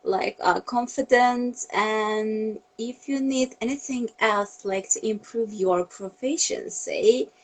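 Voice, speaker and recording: A woman's voice: a little high, slow, few pauses, rough recording. A young woman in her twenties from Turkey, a cheerful, enthusiastic interviewee on a video call. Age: 20s.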